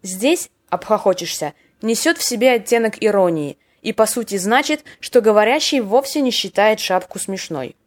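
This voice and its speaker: With a medium-pitched voice, lively intonation and a moderate pace, the woman barely pauses as she explains Russian slang on her podcast. Her scripted delivery is wry and playful, broken up by short acted example exchanges.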